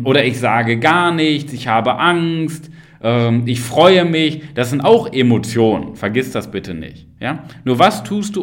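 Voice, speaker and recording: A man hosting a motivational podcast, talking straight to the listener, firing rhetorical questions and tagging on "ja?" and "ne?". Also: medium pitch. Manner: addresses the listener directly with frequent tag questions. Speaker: podcast host and coach.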